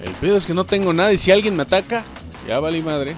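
A young adult man with a Mexican accent giving crude, excitable let's play commentary, yelling and swearing at enemies. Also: high voice, fast talker. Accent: Mexican Spanish. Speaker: gaming channel host. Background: game music.

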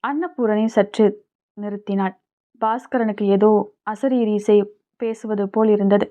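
A woman narrating a family short story in a steady, expressive reading. Her voice sits at a middle pitch. It comes through thin, phone-like sound. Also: unhurried. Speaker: audiobook narrator.

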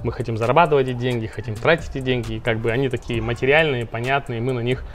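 Quick-talking guy explaining finances, lots of um and restarts, light music in the back. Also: medium pitch, steady tone. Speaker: finance company founder, guest. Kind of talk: casual interview, explaining.

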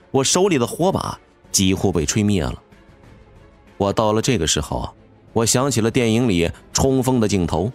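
A man narrating a first-person horror audiobook with an expressive, dramatic storytelling manner. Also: fairly low pitch. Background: faint music.

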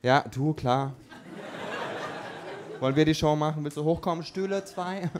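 A man performing a live stand-up routine with a voice pitched a little high for a man. He rambles through his story with constant fillers and restarts, chats directly with the audience, and breaks into loud shouts when a punchline lands. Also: moderate pace, slight background noise. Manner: banters with the audience. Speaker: stand-up comedian.

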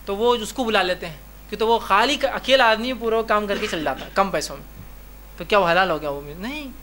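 Guy giving an islamic lecture, bright sharp voice, keeps asking questions and saying remember this. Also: high voice. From India. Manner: rhetorical questions, repeats reminders to remember. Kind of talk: religious lecture.

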